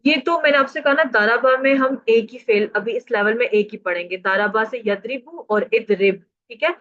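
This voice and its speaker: A woman teacher leads students through verb tables and calls on them to recite. She prompts answers and praises correct replies, speaking with a fairly high voice. The audio is muffled and lo-fi. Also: normal speed, fairly bright tone. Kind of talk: classroom lesson on Arabic grammar.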